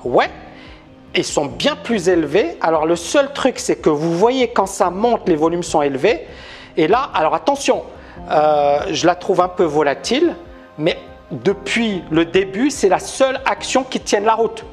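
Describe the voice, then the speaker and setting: Male trading educator on a live stream, animated, emphatic, keeps asking the audience questions, faint music underneath. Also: sits high. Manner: talks to viewers, asks many questions. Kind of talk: live-stream market analysis.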